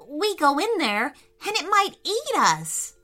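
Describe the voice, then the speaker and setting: A woman's voice: very high-pitched, huge pitch swings, takes it slowly, bright, forceful tone, pitched above the performer's own voice, heavily acted. A woman voicing a timid young boy who stammers and worries. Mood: nervous.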